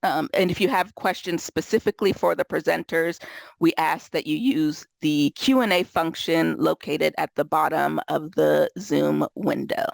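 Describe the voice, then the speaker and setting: A woman's voice: sits low, gravelly, dry recording. A woman moderating a webinar, sounding nasal from a cold, talking casually with lots of fillers over a video call. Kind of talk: webinar housekeeping intro.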